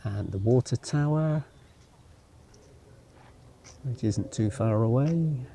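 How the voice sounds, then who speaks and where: A travel vlogger wanders outdoors through a former military town, offering unscripted commentary and musing to himself with wry asides, now and then reading signs aloud. His voice is medium in pitch, slow, creaky, and dark in tone.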